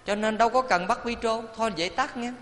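A man, a Buddhist monk, giving a playful, animated dharma talk to an audience and leading them in chanting. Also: extremely high pitch, fast, slight background noise. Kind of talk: sermon. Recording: reverberant hall, faint ambience.

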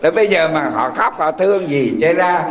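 Male Buddhist monk, slightly high voice, folksy sermon in a reverberant temple hall. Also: lively intonation, a little fast, dull audio, a little hiss or hum. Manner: rhetorical questions, asking the audience back. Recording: echoey hall.

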